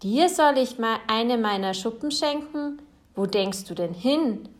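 A woman's voice: fairly high pitch, animated, a little slow. A woman voicing a proud, vain rainbow fish who talks in a haughty, curt way.

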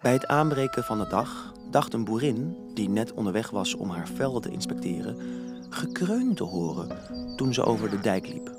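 A man narrating a children's storybook in an expressive, lively reading. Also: fairly low pitch, normal speed, music in the background.

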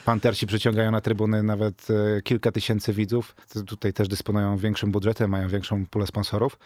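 A middle-aged man, a rugby club president, answering interview questions in a measured, explanatory way with frequent hesitations. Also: on the low side, level tone, a little mellow, no echo. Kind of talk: radio interview.

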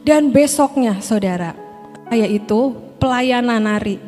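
A middle-aged woman pastor preaches in a relaxed, storytelling way, turning often to her listeners. Her voice sits high and bright. The hall gives a long reverb, and faint worship music plays underneath. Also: unhurried. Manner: conversational preaching, often addressing listeners as brothers and sisters. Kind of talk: sermon. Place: church hall.

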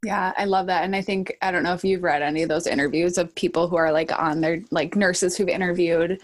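A woman's voice: fairly low pitch, fairly even intonation, brisk. A woman hosting a podcast in a casual, chatty interview style, informal and a little self-deprecating. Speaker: podcast host.

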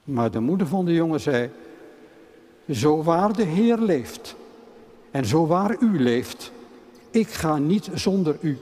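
Slow-reading pastor in a reverberant church. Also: male voice, mid-range voice, darkish tone. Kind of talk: scripture reading and sermon. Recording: long reverb of a church hall.

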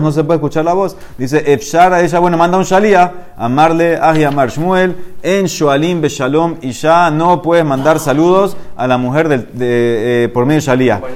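Man teaching Talmud in a higher voice. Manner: reads Aramaic, then retells it in conversational Spanish; animated, acts out the rabbis' exchanges. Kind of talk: explaining a Talmud page line by line.

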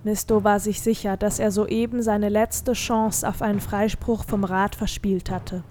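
A woman reading a fantasy audiobook in steady, scripted narration. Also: medium pitch, measured pace, faint music behind.

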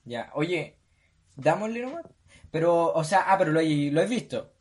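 A man's voice: fairly high pitch, big pitch swings, moderate pace, a little mellow. A young man with a Chilean accent hosting a casual podcast chat, slangy and often laughing as he talks over his co-hosts. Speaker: podcast host.

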